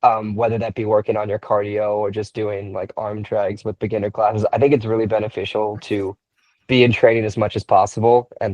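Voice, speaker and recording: Relaxed low-voiced young wrestler on a call. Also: male voice, dry recording, lo-fi sound. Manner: relaxed, thinks aloud with many fillers and restarts. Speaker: wrestler, podcast guest. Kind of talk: casual interview answers.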